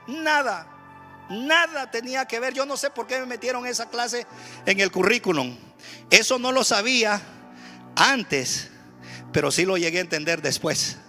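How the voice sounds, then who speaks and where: A man from El Salvador with a Salvadoran Spanish accent, preaching a church sermon in an animated way, moving from loud exhortation to quiet storytelling with joking asides. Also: high-pitched. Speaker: pastor. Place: church sanctuary.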